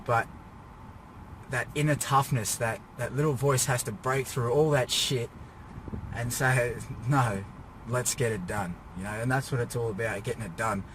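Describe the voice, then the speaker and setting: A man with a mid-range, fairly bright voice speaks at a moderate pace in a steady tone. He's a fitness vlogger preparing for a bodybuilding show, sitting in his car exhausted and drained after a workout, giving a casual, rambling personal rant, weary but pushing himself on. The noisy car interior carries vehicle ambience.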